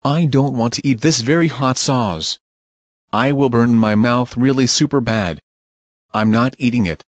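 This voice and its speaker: A man's voice: mid-range voice, a little slow, dry recording, natural voice. A man voicing a scared male bear toy who pleads and protests over and over. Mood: pleading. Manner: pleading, with strings of repeated protests.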